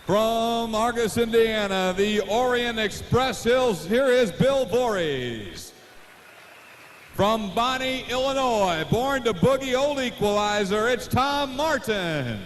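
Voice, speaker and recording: Echoing, high-pitched American male arena announcer. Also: animated, slow pace. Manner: booming showman delivery with stretched names. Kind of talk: driver introductions at a tractor pull show. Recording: echoey, noisy live arena PA.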